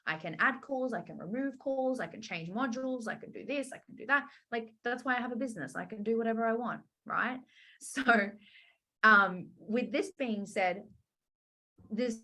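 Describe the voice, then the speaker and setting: Chatty woman coaching on a call. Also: fairly high pitch. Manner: animated, chatty, acts out quotes, many "like" and "right?". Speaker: business and money mindset coach. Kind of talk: casual coaching talk on a group call.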